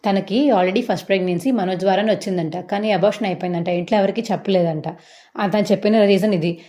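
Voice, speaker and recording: An anxious, protective older sister, as a woman puts her on apologizes rapidly for her sibling. The voice is low-lit and mellow. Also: natural voice. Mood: complaining.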